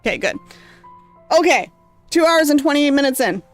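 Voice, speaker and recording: Her voice sits high and expressive, moving at a moderate pace in a dry recording with soft background music. A streamer reading visual novel narration and casually chatting with viewers, she's worn her voice down with reading, coughs occasionally, and rambles with lots of fillers.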